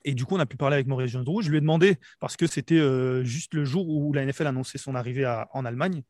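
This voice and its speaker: Guy from the south of france, reporter, talks fast with tons of euhs. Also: mid-range voice, darkish tone, dry recording, clean studio sound. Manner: hesitant, many fillers and restarts. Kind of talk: casual podcast chat.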